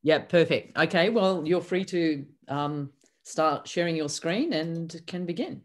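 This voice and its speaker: A woman's voice: deep voice, unhurried. An older woman chairing an online conference session, polite and brief.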